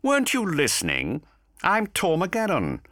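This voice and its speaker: A man's voice: fairly high pitch, wildly swooping pitch, moderate pace, fairly bright tone, dry recording, studio quality, voice pushed up. A man voicing a gloating, mocking daemon. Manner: mocking and taunting. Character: gloating male daemon wearing a warrior's face.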